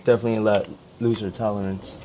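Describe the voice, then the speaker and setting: A man's voice: on the low side, flat delivery, fast, background noise. A man in casual chat, giving brief offhand replies from across the garage. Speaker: friend in the garage.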